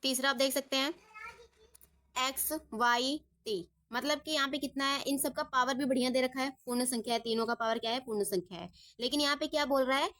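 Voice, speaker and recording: Woman maths tutor, slightly high voice, patient, asks and answers her own questions. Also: fairly even intonation, fast talker, few pauses, fairly bright tone. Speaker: maths teacher. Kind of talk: step-by-step lesson.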